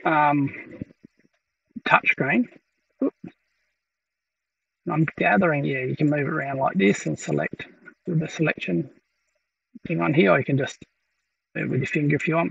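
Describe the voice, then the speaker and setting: A man's voice: a little high, vocal fry, pushed and bright, breathy edge, dry recording. A man giving a casual gear review from his workshop, hesitant and full of ums and restarts. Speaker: tech reviewer. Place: home workshop with 3D printers running. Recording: muffled, mic a bit far off.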